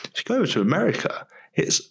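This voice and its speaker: A man's voice: a little high, huge pitch swings, fast, gravelly, low-quality recording. A man co-hosting a podcast, speaking thoughtfully and often restarting his sentences. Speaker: podcast co-host, dental associate. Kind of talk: casual podcast discussion.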